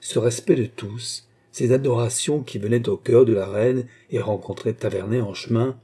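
Audiobook casting: a man narrating a classic novel, measured and literary, with a very dark, husky tone. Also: mid-range voice.

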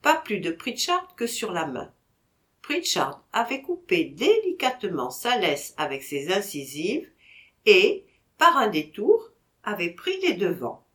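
A woman's voice: mid-range voice, wildly swooping pitch, measured pace, a bit bright. A woman reading a classic novel aloud, narrating expressively and voicing each character. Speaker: audiobook reader.

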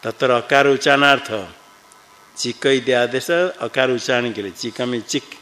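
A man teaching Sanskrit grammar in a class, reciting rules slowly and patiently quizzing his students. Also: medium pitch, sharp tone, poor audio.

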